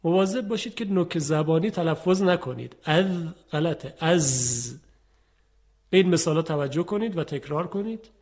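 Man teaching pronunciation in a slow lesson. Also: high voice, a little mellow. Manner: slow, explanatory, demonstrates sounds. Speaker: Quran recitation teacher. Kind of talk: instructional radio lesson on tajweed.

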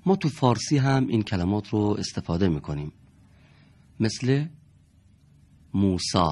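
A man's voice: fairly low pitch, very animated, mellow. A man teaching a reading lesson in a classroom style, patiently explaining step by step and repeating key terms.

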